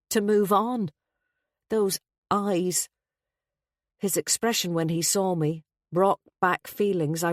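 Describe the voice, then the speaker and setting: Low-voiced woman narrating an audiobook. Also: no room sound, studio quality. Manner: wry, introspective first-person telling. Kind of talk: scripted first-person audiobook narration.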